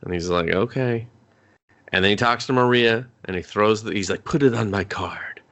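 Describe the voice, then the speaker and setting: He's a podcast co-host reviewing movies, retelling scenes through joking, casual back-and-forth and slipping into quick put-on voices for the characters' lines. The voice is on the low side and a bit bright.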